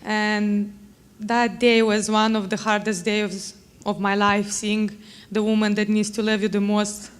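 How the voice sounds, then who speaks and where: Slow, level-voiced young woman from Moldova. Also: medium pitch, little pitch movement, clean tone. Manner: slow, halting, earnest. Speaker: testimony speaker. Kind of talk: personal testimony in church.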